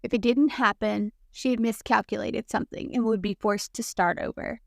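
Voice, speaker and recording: A woman narrating a fanfiction audiobook with an even, measured delivery. Her voice is a touch high. The sound is close and dry, with no echo. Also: creaky.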